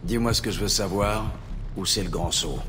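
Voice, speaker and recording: A man playing a menacing space commander in a sci-fi video game, speaking with cold, deliberate threat. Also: low-pitched, close to an everyday voice. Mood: cold menace. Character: menacing male space commander interrogating enemies. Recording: game audio under loud music.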